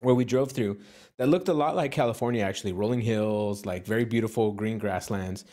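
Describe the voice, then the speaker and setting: A man's voice: lowish voice, fairly quick. Man telling a road-trip story casually. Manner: animated storyteller, many fillers and trailing phrases. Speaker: podcast co-host. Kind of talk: casual chat.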